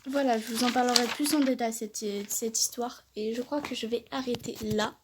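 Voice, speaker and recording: A woman's voice: on the high side, fairly even intonation, moderate pace, noisy background. A woman vlogging casually about her books, rambling and hesitant with many fillers, talking with effort through a sore throat.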